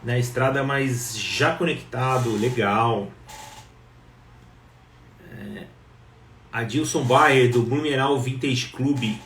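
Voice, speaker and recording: A man's voice: mid-range voice, slow pace, pauses often, fairly bright tone. Chatty man hosting a roomy live stream. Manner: chatty, greets viewers one by one. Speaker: live show host. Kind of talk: casual live-stream chat. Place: home, Ribeirão. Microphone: wireless mic. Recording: roomy and distant with faint background noise.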